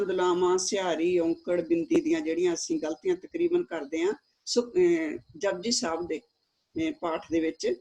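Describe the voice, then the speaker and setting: A woman leads a religious lesson on pronouncing scripture, her voice slightly husky. She stretches each demonstrated word out slowly and carefully, then goes back to explaining in a conversational way and keeps asking her listeners to confirm they follow. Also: mid-range voice, a little mellow. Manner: checks in with frequent tag questions. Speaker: teacher of scripture pronunciation.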